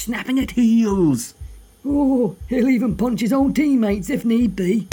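Man as husky, animated Northern radio host. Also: extremely high pitch, exaggerated voice. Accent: Northern English. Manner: folksy, droll, exclamatory. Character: folksy Northern local radio host Bob, jovial and grumbling. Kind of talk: comic radio monologue and phone-in.

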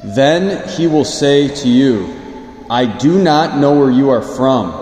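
A man, a priest, reading the Gospel and preaching a homily in a large church, speaking slowly and measuredly with loose fillers as he preaches, his voice carried on a long church echo. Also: medium pitch, expressive, a little mellow. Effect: echoing church reverb. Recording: roomy hall with long reverb.

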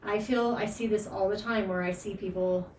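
A woman's voice: mid-range voice, fairly even intonation, normal speed, echoey room. Woman fitness podcast host, emphatic and earnest, distant mic with faint noise. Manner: emphatic, earnest, frequent fillers and laughs. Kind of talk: casual podcast advice.

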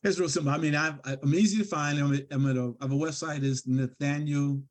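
A man's voice: a little high, steady tone, quick pace. A middle-aged man, a guest author on a podcast, speaking in an earnest, reflective way with frequent restarts. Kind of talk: podcast interview.

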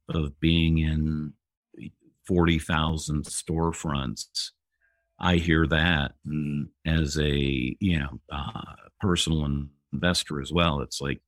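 A man with an extremely deep voice speaks slowly and in a measured way as a guest in a business chat. His recording sounds close and dry, with no room echo. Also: fairly even intonation, a bit bright. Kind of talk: casual business conversation.

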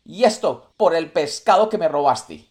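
A man voicing a sly, clever male monkey who talks quickly and eagerly in a storybook tale. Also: a little high, very animated, a little mellow, voice pushed up. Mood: vengeful.

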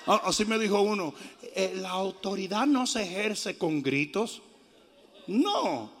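A man preaching a loud, animated sermon as a bishop, often shouting and acting out voices. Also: high voice. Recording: long reverb of a large hall.

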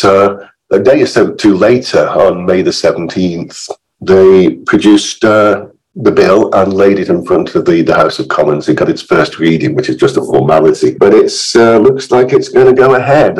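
A man with a croaky voice, hoarse from illness, explaining informally as a podcast guest expert with chatty, wry asides. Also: low-pitched, a little mellow, low-quality recording.

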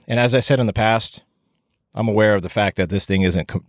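A man's voice: on the low side, fairly quick, no room sound. A man giving an informal, rambling solo podcast talk in a plain-spoken, self-deprecating way, with audible breaths into a close microphone. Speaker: podcast host and firefighting instructor.

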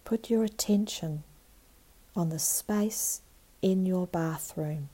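Female meditation narrator: calm and meditative, slightly low pitch, very slow delivery, soft and breathy. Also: poor audio. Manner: calm, meditative tone with long pauses. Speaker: meditation guide.

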